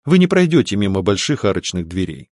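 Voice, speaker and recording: A man reading an audiobook, voicing an anxious devout priest who speaks slowly and in a hush. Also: low-pitched, sing-song, dry recording, studio quality. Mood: worried. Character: anxious devout male priest, soft-spoken.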